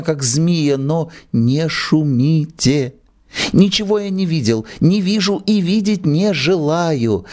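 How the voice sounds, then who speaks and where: A man's voice: fairly high pitch, a little mellow, voice pushed up. A man doing a trembling old theatre manager. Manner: trembling, nasal pleading whisper. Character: old bald cowardly theatre manager, pleading.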